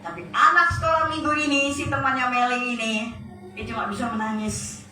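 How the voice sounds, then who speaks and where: A woman's voice: on the high side, brisk, noisy background. A woman preacher telling a story in a sermon, often turning to address her congregation directly. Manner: storytelling, often addressing listeners as brothers and sisters. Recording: echoey hall, distant mic, faint music.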